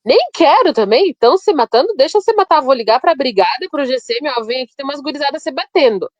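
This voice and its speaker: A woman's voice: high-pitched, lively intonation, quick pace, darkish tone, no room sound. A woman from Brazil, a podcast co-host giving her opinions frankly in a casual discussion. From southern Brazil. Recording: dry, dull lo-fi sound.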